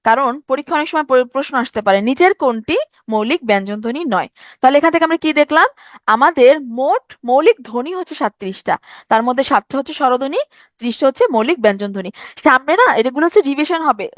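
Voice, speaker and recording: A woman's voice: high-pitched, dry recording, clean studio sound. A young woman giving an exam-prep grammar lecture, explaining step by step and asking rhetorical questions. She sounds tired from a sleepless night. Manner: explanatory, asks rhetorical questions, repeats points. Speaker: teacher.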